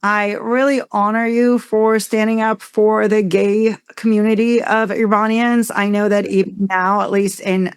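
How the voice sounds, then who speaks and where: A woman's voice: mid-range voice, little pitch movement, unhurried, hardly any pauses, smooth, dry recording. A woman from Iran, a podcast guest speaking openly and emphatically about her life. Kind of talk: candid podcast conversation.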